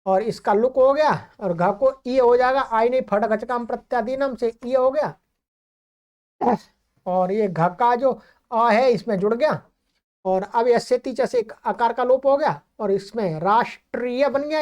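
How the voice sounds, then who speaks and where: A woman teaching a grammar lesson online, explaining rules step by step, checking in with her students and slowing down to recite rules. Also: a little high, a little mellow, dull audio. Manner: explanatory, checks in with listeners often. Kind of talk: online lecture.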